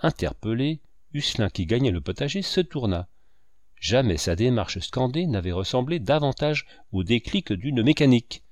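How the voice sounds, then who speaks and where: A man narrating a novel as an audiobook reader in an expressive, measured manner. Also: mid-range voice, dry recording, clean studio sound. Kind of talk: literary narration.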